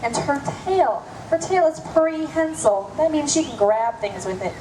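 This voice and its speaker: A woman's voice: sits high, animated, normal speed, warm tone. A woman presenting a scripted live children's animal show as a magician, coaxing the crowd like a kids' party magician. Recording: echoey, noisy live show ambience.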